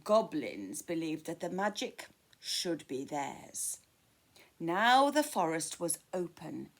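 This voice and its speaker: A woman reads a children's picture book aloud at a very slow, deliberate pace. Her voice climbs and dips expressively, and she hushes to a whisper to build suspense. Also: low voice, big pitch swings. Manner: dramatic, dropping to whispers at tense moments. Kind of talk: reading a children's story aloud.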